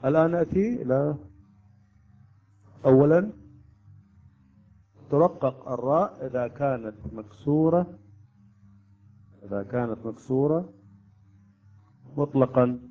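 A man teaching Quran recitation rules, explaining step by step, chanting examples slowly and quizzing his students. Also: mid-range voice, lively intonation. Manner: asks students questions. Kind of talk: tajweed lesson. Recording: dull lo-fi recording.

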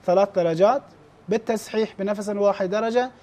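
A man with a very high-pitched voice leads a classroom lesson on recitation. He explains how errors are graded in a plain teaching manner. He often restarts words and clears his throat. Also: darkish tone. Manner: explains scoring plainly, slows down to demonstrate recited verses.

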